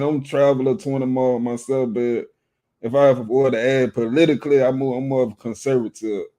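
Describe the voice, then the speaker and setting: A man hosting a relaxed livestream, talking in an easy, unhurried way. His voice is mellow and dark, and he laughs often while he reads out and greets viewers from the comments. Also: medium pitch. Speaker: livestream host. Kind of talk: casual livestream chat.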